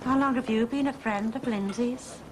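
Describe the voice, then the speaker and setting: A gushing, sentimental woman , played by an actress, in a 1980s soap, her voice high and warm-hearted in manner. The old broadcast carries a clear hiss beneath her. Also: normal speed, close to an everyday voice. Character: gushing, sentimental older-ish neighbour woman.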